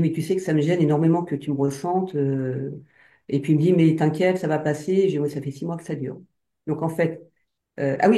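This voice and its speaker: A woman whose voice sits low and mellow shares, casually and hesitantly, her experience as a hypnosis client, with frequent fillers and restarts. Her words echo around a roomy space.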